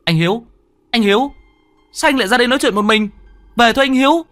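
A man voicing a frightened young man who shouts in panic. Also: extremely high pitch, quick pace, no echo, pitched above the performer's own voice. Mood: panicked.

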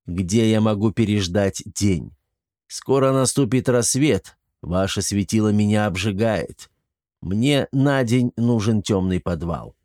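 A man voicing a cold, commanding vampire sorcerer who speaks in measured orders. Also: on the low side, darkish tone, dry recording, studio quality.

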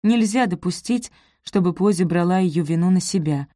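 A woman narrating a novel aloud for an audiobook, reading expressively and shifting into each character's voice. Her voice sits on the low side. The recording is dry and close, with no room sound. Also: moderate pace, mellow, no echo.

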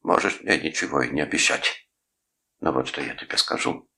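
Man reading as self-righteous uncle, preachy, very deep gravelly voice, bright edge; audiobook. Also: lively intonation, heavily acted. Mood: threatening. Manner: preachy, lecturing, drawn-out phrases. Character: pompous sanctimonious middle-aged uncle, menacing.

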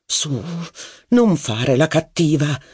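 Man reading gloomy young officer, slow, pleading, somewhat high voice. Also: very animated, darkish tone, slightly rough, no echo, clean studio sound, heavily acted. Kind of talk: audiobook character voice.

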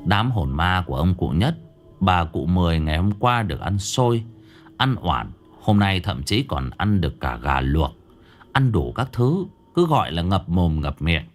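Male horror narrator, low and expressive. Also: moderate pace. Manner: dramatic, drops pitch for suspense. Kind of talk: scripted narration. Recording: faint background music.

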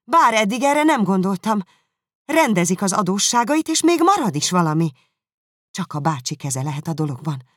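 A man's voice: high voice, big pitch swings, a bit bright, no room sound, clean studio sound, pitched above the performer's own voice, full character voice. Elizabeth, a man's raised urgent girl voice. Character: young woman, lively, anxious elder daughter. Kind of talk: audiobook character reading.

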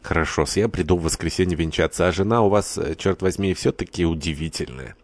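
A man's voice: deep voice, brisk. A man voicing a blunt, skeptical army major in an audiobook. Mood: puzzled.

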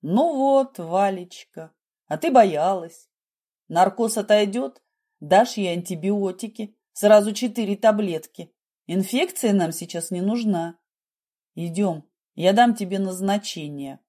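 A woman reading an audiobook, voicing a male surgeon who barks curt orders in a lowered voice. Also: unhurried, warm tone. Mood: reassuring. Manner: barking orders, harsh and curt. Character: male surgeon, commanding, panicked under pressure.

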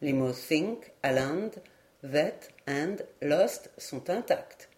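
Lady reading a calm lord, lowered dark voice, methodical and in charge, storybook. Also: drawn-out words, exaggerated voice.

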